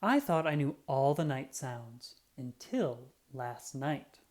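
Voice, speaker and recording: A storybook narrator reads a children's picture book aloud in the role of a self-important cat detective, telling the tale with drama and expression. The voice is medium in pitch and slow, and sound effects get acted out along the way.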